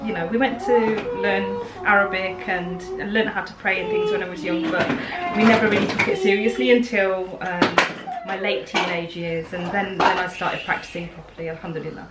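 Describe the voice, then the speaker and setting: A woman's voice: mid-range voice, fairly even intonation, a little fast, few pauses. A middle-aged woman chatting casually as a guest, conversational and hesitant, often chuckling. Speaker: guest, host's mother. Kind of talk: casual chat. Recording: echoey room with clear background noise.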